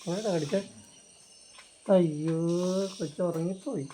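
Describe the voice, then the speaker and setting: A woman at home softly questioning a pet dog in a low, half-hushed tone. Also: unhurried, slight background noise. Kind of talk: casual talk to pet dogs at home.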